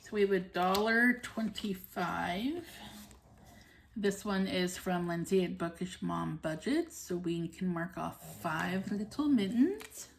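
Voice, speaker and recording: A woman casually narrating a hands-on task as a video host, unhurried and often counting to herself, in a noisy home recording. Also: lowish voice, gravelly. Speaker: budgeting channel host. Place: at home, indoors.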